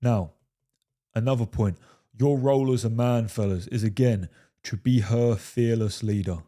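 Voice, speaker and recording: A man's voice: medium pitch, unhurried, mellow. A man giving dating advice straight to camera, emphatic, often saying "fellas" and "right?" and swearing for emphasis. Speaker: dating coach. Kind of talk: direct-to-camera advice monologue.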